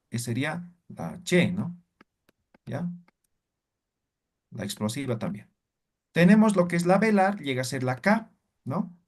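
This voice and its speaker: Lively high-pitched man teaching a class. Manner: explanatory, checks in with frequent "¿ya?" and "¿no?"; demonstrates sounds aloud. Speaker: language teacher. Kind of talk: online language lesson.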